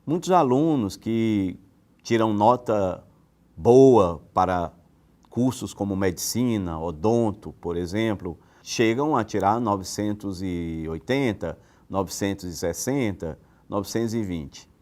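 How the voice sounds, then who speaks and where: A man's voice: animated, unhurried. Brazilian man teaching grammar. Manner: explanatory, rhetorical questions, swings in pitch and loudness. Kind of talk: recorded grammar lesson.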